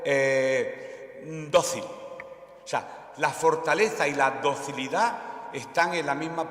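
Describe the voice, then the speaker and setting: A man's voice: medium pitch, a bit bright. Guy preaching, repeats himself for emphasis, big echoey church room. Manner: repeats key phrases for emphasis. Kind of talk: sermon. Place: church hall. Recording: echoey hall with long reverb.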